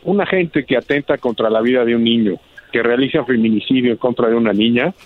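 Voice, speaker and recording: A man's voice: medium pitch, quick pace. Man speaking over a phone line. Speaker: politician caller.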